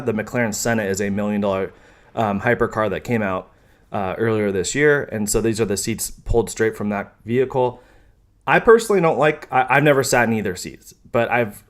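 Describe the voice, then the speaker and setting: A young man casually talking through car options in a vlog, rambling with many ums and self-corrections, now and then sarcastic. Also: on the low side. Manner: casual, chatty, slightly sarcastic. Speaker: car vlogger.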